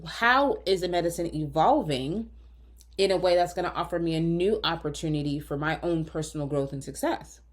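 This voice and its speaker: A woman physician hosting a solo podcast, talking earnestly and directly to listeners, slightly hoarse from a lingering cough. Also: fairly low pitch, moderate pace. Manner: earnest, coaching, direct address.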